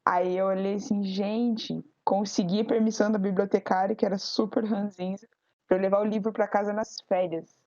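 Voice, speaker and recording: A woman in her twenties from Paraná, Brazil, chatting on a group podcast and telling stories in a lively way. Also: mid-range voice, moderate pace, dry recording. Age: 20s. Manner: lively, storytelling. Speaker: podcast co-host. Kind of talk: casual group podcast chat. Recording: dry, dull lo-fi recording.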